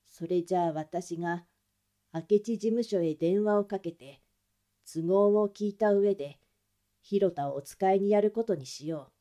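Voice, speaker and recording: A woman voicing a calm middle-aged father who speaks low, soft and measured. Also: close to an everyday voice.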